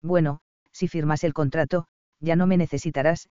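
A man reading the lines of an unsure, worried young woman, speaking softly and hesitantly. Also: a little high, steady tone, normal speed, clean tone, no room sound, natural voice. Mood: inseguro. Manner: soft, hesitant. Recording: dull, dry audiobook recording.

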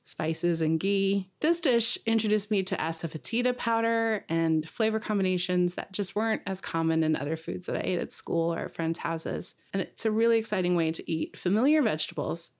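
A woman's voice: fairly low pitch, normal speed, darkish tone. A woman co-hosting a podcast, narrating food history from a script with enthusiasm and lingering over ingredient lists. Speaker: podcast co-host.

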